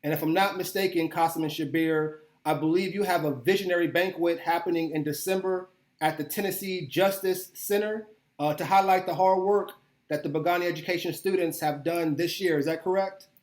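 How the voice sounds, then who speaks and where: A man's voice: a little high, fairly even intonation, brisk, roomy sound. A man hosting a podcast interview in a casual, upbeat way, often repeating words as he goes. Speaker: podcast host.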